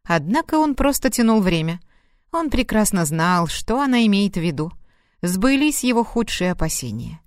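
A woman narrating a novel in a measured storytelling manner. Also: mid-range voice, big pitch swings, no echo, studio quality. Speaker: audiobook narrator. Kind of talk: scripted narration.

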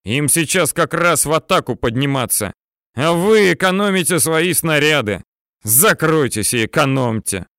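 A young fighter bangs on a tank and yells, half begging, half threatening, as a man reading a war novel voices him. The voice climbs high and forceful. Dry, close sound with no room. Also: expressive, moderate pace, dry recording. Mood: desperate shouting. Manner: shouting, pleading and threatening. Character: desperate young male soldier yelling into a tank.

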